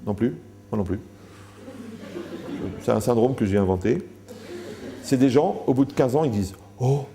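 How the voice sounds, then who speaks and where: A man's voice: mid-range voice, lively intonation, moderate pace, background noise. A man giving a Torah lecture to a live audience, joking, asking the room questions and acting out the people he quotes.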